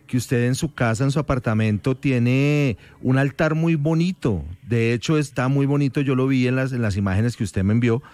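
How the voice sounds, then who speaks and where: A man's voice: medium pitch, moderate pace, hardly any pauses, a little mellow, no room sound. A man hosting a call-in radio show, friendly and coaxing as he draws a caller out. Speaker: radio host.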